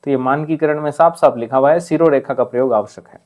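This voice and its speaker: A man's voice: mid-range voice, fast talker, a little mellow. A man giving an exam-prep grammar lesson. He drills correct and incorrect forms and checks in with "ठीक है" after nearly every point. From Rajasthan. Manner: repeats points with frequent "ठीक है" check-ins; drills correct pronunciations, contrasting right and wrong forms. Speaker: teacher.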